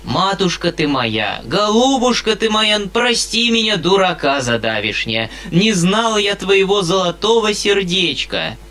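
Male reader doing a loud, folksy country squire. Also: high-pitched, sing-song, measured pace, hardly any pauses, pitched above the performer's own voice, heavily acted. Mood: effusive. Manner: boisterous, folksy. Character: fat, blustering country landowner.

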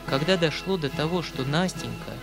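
Male audiobook narrator, measured, expressive, slightly high voice, faint music. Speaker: audiobook reader.

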